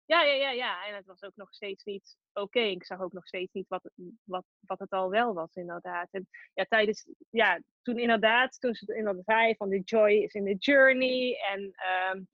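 A woman's voice: mid-range voice, moderate pace, no room sound. A woman entrepreneur being interviewed, talking reflectively and often restarting her sentences as she searches for words. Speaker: guest, entrepreneur. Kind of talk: casual interview. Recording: dry, slightly dull recording.

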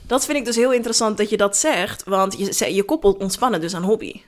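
A woman's voice: mid-range voice, fast talker. A young woman co-hosting a podcast in casual chat, talkative, laughing often and dropping in English phrases. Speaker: podcast co-host.

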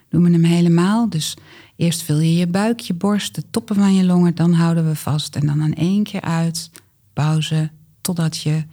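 A woman leads breathing exercises in an unhurried, instructional way. Her soft voice is mellow and breathy, with frequent creak. She sounds like a calm coach guiding someone step by step. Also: fairly low pitch.

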